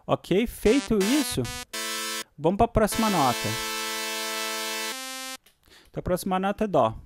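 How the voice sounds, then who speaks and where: A Brazilian man hosts a casual music production screencast, speaking a little slowly in a high, sing-song voice. He does an indoor voice-over on a screen recording, thinking aloud in an informal way and using frequent tag questions.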